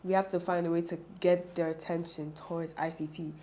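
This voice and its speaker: A teenage woman with a low-ish, dark voice and flat delivery answers interview questions as a pageant titleholder guest. She is earnest and quick to agree.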